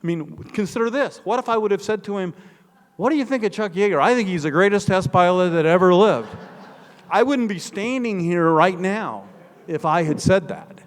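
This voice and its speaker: A high-pitched, lively voice at a moderate pace belongs to an older Midwestern biographer from northeastern Indiana. Answering a question from the audience at his talk, he tells stories conversationally, emphatically and with digressions, while the big indoor hall echoes with long reverb.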